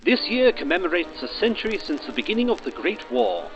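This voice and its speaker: A man's voice: sits high, big pitch swings, fairly quick. A man reading a scripted game review in a dramatic, documentary manner. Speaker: review narrator. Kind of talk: scripted narration. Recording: dull voice-over with music bed.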